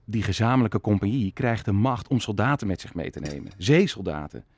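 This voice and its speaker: An actor playing an ambitious, calculating prince in a historical radio play, persuasive and commanding. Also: male voice, fairly low pitch, animated, brisk, a little mellow, husky, no room sound. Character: scheming Dutch prince, ambitious and calculating statesman. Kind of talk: audio drama acting.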